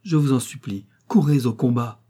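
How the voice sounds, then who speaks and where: Give me a proud young noblewoman read by a man pleading earnestly. The voice is soft and dark, with a breathy grain. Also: medium pitch, moderate pace, natural voice. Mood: imploring. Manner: earnest, imploring declamation.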